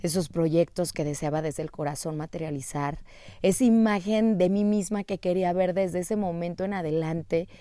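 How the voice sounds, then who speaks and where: Woman telling a personal story, lively and expressive, dry close sound. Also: lowish voice, normal speed, dry recording. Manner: expressive, animated retelling.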